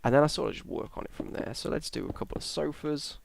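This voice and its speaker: A young man from England, a Minecraft YouTuber, yawns through casual commentary on his build, sounding tired as he rambles, hesitates, and corrects himself. His voice is a little high and expressive, quick-paced, with vocal fry and no echo.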